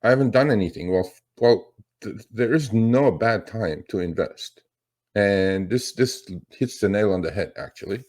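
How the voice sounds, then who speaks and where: A man's voice: fairly low pitch, moderate pace, a little mellow. A middle-aged man hosting a finance show, talking casually and rambling, with many fillers and restarts. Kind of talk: casual market commentary.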